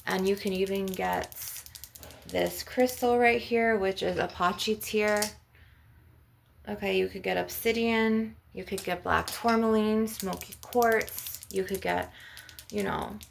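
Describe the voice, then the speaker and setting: Over slight background noise, a woman with a medium-pitched, creaky voice leads a spiritual ASMR session as a healer. She talks to viewers conversationally and with emphasis, dropping filler phrases like "you know" and the occasional swear word.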